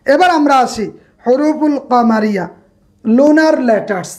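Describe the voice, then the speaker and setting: In an online grammar lecture, a woman repeats each point and quizzes the class so they echo the answers back, checking in on students by name. Her voice sits high with a darkish tone, animated but unhurried. She is a grammar instructor.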